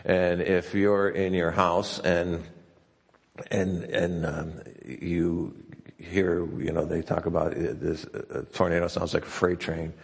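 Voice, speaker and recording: A low-voiced male pastor preaches in a folksy, chatty manner, stumbling and restarting as he goes. His voice is gravelly and a little husky. A long reverb from a church hall trails behind each phrase. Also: little pitch movement, takes it slowly. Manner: conversational and folksy, with frequent restarts. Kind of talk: sermon. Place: church sanctuary.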